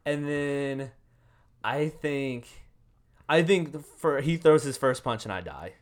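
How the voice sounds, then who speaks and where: A man's voice: fairly high pitch, takes it slowly. A man in casual chat with a friend, telling exaggerated stories and acting out the scenes. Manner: animated storyteller who acts out silly scenes.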